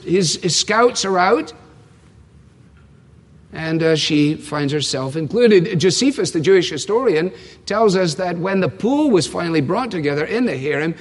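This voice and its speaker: High-voiced male preacher in a reverberant hall. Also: husky. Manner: emphatic, repeats key lines, asks rhetorical questions. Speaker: pastor. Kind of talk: expository sermon. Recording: long reverb from a large hall.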